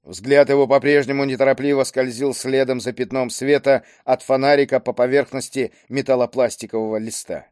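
A man narrating an audiobook in a measured, even manner. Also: medium pitch, no echo, clean studio sound.

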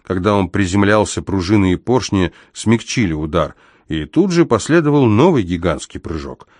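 A man reading a first-person adventure story as an audiobook narrator, measured and even. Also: low voice, dry recording, clean studio sound.

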